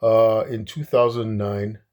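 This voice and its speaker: A man's voice: lowish voice, level tone, takes it slowly, darkish tone. A man from Nigeria giving casual solo commentary on politics, speaking hesitantly with many fillers and restarts.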